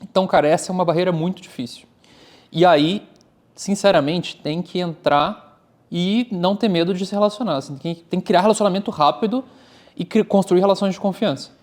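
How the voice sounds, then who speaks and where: With a high-pitched voice and a brisk delivery, a Brazilian startup founder chats energetically as an interview guest. He's candid and animated, and "cara" comes up often. The interview talk is casual.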